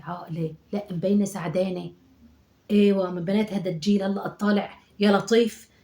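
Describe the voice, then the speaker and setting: In a comic monologue sketch, a woman performer voices a chatty, nagging Aleppo mother in her sixties, with an Aleppo Syrian Arabic accent. She scolds and mutters prayers in a mid-range, darkish voice that stays close to her everyday one.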